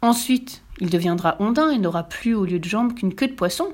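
A woman's voice: mid-range voice, expressive, brisk, a little mellow, close to an everyday voice. Woman as a preachy old court priest, lecturing, storybook read. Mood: alarmed. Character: pompous, alarmed male court chaplain. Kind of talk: storybook reading.

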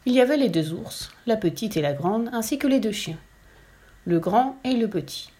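A woman reading a children's story aloud in a lively, expressive way. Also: a little high, normal speed.

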